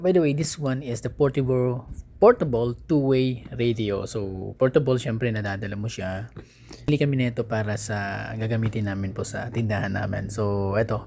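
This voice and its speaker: A vlogger with a Filipino accent and a low, creaky, slightly mellow voice does a casual unboxing and product review. He explains things informally, step by step, for his viewers, with a little hiss or hum in the audio.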